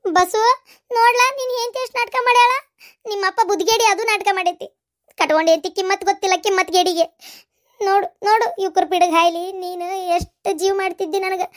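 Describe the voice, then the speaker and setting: A performer voicing a greedy, sharp-tongued older mother-in-law in a comic cartoon, with a North Karnataka accent. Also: very high voice, fast. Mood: scolding. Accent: North Karnataka Kannada. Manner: scolding, sharp-tongued, boastful.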